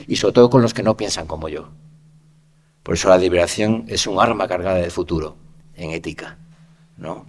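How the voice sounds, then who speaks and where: A man from giving a reflective conference talk, often ending phrases with a questioning tag. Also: sits low. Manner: reflective, many rhetorical "¿no?" tags. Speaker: lecturer. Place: conference hall. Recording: lecture hall with long reverb.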